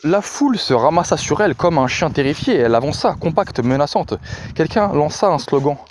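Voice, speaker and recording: A man reads a thriller aloud in a slightly high voice. His delivery is dramatic, with the odd hesitation and a restarted phrase here and there. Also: expressive, a little fast, noisy background. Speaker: reader. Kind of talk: reading novel excerpts aloud.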